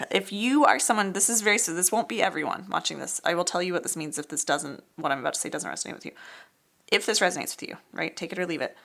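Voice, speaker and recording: Female tarot reader, low and gravelly, chatty, emotional, filler-heavy delivery. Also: a bit bright. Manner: gushing, emotional, spiritual; chatty with frequent likes and you knows. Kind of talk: pick-a-card tarot reading.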